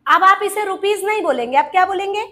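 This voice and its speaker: A woman's voice: very high voice, animated, quick pace, sharp tone. A woman teaching an English grammar lesson, patiently repeating points and quizzing her students, whom she calls child.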